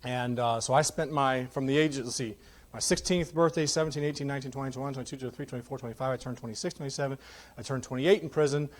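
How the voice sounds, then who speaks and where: A man's voice: medium pitch, brisk. A man in his thirties giving a candid, joking testimony sermon in a church. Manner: candid, jokey, animated storytelling. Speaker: guest preacher. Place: church sanctuary.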